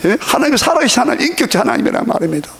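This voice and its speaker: A man's voice: very high voice, very animated, racing, gravelly, fairly bright tone. A male pastor preaching a sermon in a church, emphatic and repetitive, often asking the congregation questions.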